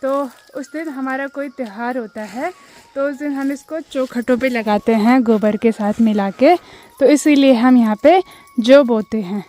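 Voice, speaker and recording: High-voiced woman chatting to viewers. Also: unhurried, dark tone. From Uttarakhand hills, India. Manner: chatty, addresses viewers as friends and brother. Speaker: village lifestyle vlogger. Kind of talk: casual explanatory vlog chat. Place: outdoors in a hillside farm field.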